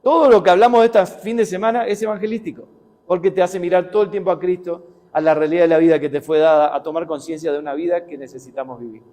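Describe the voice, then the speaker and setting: A man's voice: high-pitched, steady tone, fast, a little mellow. A man preaching a sermon with a Rioplatense accent, talking conversationally with rhetorical questions and anecdotes. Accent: Rioplatense Spanish. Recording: long hall reverb.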